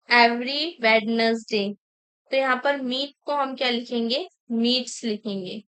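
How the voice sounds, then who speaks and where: A woman teaching an exam-prep grammar lesson, slowly dictating example sentences and explaining each correction. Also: a little high, pushed and bright, clean tone, low-quality recording. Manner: mixes Hindi explanation with English sentences.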